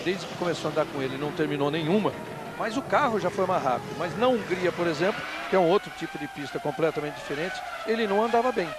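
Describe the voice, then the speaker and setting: A man with a Brazilian Portuguese accent giving live technical analysis as a motorsport commentator, explaining in a conversational way. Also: on the high side. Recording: clear engine and track noise behind. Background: race cars and outdoor ambience.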